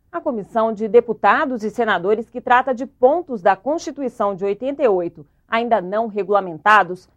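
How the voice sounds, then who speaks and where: A Brazilian woman anchoring a television news bulletin, reading in a measured, formal way. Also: medium pitch. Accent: Brazilian Portuguese.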